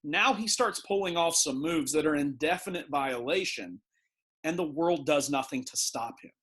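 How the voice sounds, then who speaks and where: A man's voice: fairly high pitch, normal speed, fairly bright tone. A middle-aged man from the United States teaching a recorded history lesson, talking conversationally and using everyday analogies.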